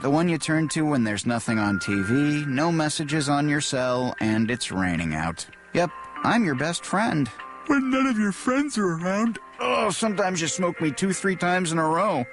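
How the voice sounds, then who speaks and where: Clingy, deadpan talking cigarette. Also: male voice, on the high side, normal speed, music in the background. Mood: idly chummy. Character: talking cigarette, idle, clingy, self-appointed best friend. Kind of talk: comic public service ad monologue.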